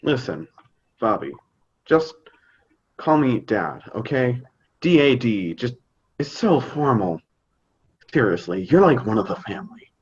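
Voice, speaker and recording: A man's voice: mid-range voice, very animated, measured pace, pauses often, a little mellow, breathy edge, lo-fi sound. A man playing a fond, hesitant dad in a scripted stage comedy, fumbling for his words. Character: fond, hesitant, slightly awkward suburban dad. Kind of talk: scripted youth theater comedy acting.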